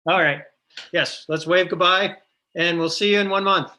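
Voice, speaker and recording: A man with a fairly high, very bright voice runs a committee meeting over a conference call. He moderates politely and informally, moving through procedure as the chair. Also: fairly even intonation, normal speed. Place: remote online meeting.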